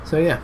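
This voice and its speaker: A man livestreaming a game in casual, rambling and halting chat. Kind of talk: casual stream chat over gameplay. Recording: game music, fan noise behind. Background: game music and a fan.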